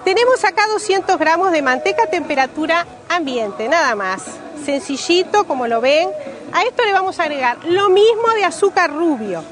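Outdoors at a fair stand, with music behind her, a woman in her forties from Uruguay demonstrates a recipe step by step, repeating key words. This pastry cook speaks Rioplatense Spanish in a very high, animated voice at normal speed.

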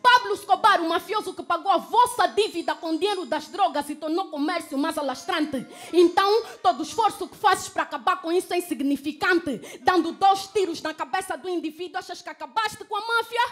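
Angolan woman battle rapper, super high voice, quick defiant comebacks. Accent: Angolan Portuguese. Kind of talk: rap battle verses over a crowd. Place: indoor club stage with a crowd.

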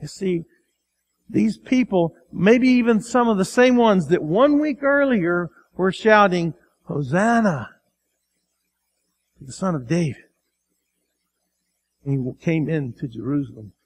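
High-voiced Midwestern pastor preaching. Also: male voice, lively intonation, measured pace, long pauses. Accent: American Midwest. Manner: acts out the crowd and Pilate in quotes, sometimes shouting; drops to a quiet, low voice for emphasis. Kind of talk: sermon.

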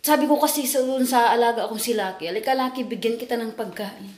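A woman's voice: a little high, fast, a little mellow, echoey room. A woman vlogging at home, chatting to viewers in a teasing, laughing storytelling manner. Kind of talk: casual vlog talking to viewers. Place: home indoors.

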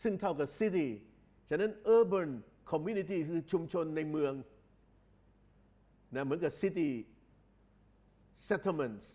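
Male tutor, fairly high voice, slow and repetitive explainer. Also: warm tone. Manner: explains slowly and repeats phrases, drawing out English words. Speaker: English exam tutor. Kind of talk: recorded lecture.

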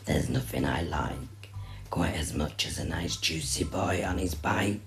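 A woman voicing a greedy, gleeful male troll in a deep growl for a read-aloud picture book. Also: expressive, measured pace, noisy background. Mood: gloating. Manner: gloating, relishing every word. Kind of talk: storybook reading. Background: soft music.

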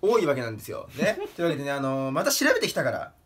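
A man's voice: rapid-fire, background noise. Giggly man presenting gag pictures. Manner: laughs at his own jokes, lively pitch swings; pitches up into a strained high whine for punchlines. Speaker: comedian presenting joke pictures. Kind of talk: casual comedic talk with laughter.

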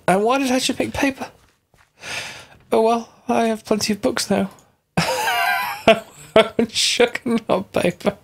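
Very high-pitched and sing-song, this Minecraft mod tutorial host takes his time, pausing often, with vocal fry and a husky, slightly bright quality. A cold leaves him stuffy as he casually narrates, thinking aloud and correcting himself.

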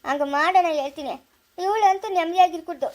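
A woman's voice: very high-pitched, fast talker. A woman playing a furious feuding village woman. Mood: bitter ranting. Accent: rural Chikkaballapura Kannada. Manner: shouting, scolding, cursing. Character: bitter, furious village woman in a family feud.

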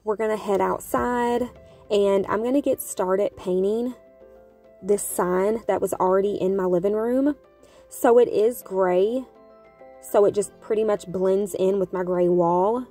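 A woman's voice: medium pitch, a little slow. A woman vlogger chatting casually to her viewers in a voice-over, upbeat and friendly. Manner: chatty, upbeat, addresses viewers as you guys. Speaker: home vlogger. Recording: voice-over with soft background music.

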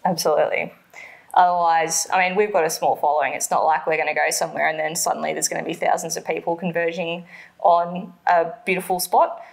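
This travel vlog co-host, an Australian woman in her thirties, talks from her living room in a lowish, gravelly voice with a steady tone. She goes a little fast, chatting and explaining casually with plenty of ums.

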